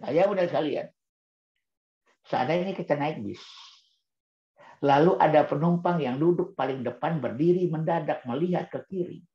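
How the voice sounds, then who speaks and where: A man's voice: a little high, normal speed, pauses often, dark tone. A man giving an Islamic parenting talk to parents, asking rhetorical questions and answering them himself, and repeating key words for emphasis. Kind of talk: book-review talk to parents. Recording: roomy dull-sounding recording.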